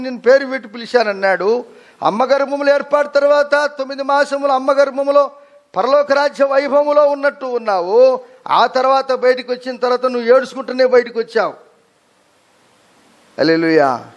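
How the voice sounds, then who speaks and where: A man with a Telugu accent preaches in a very high-pitched voice. He delivers an animated sermon, acting out a crying baby and frail old people as he goes. He calls out hallelujah to the congregation. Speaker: pastor.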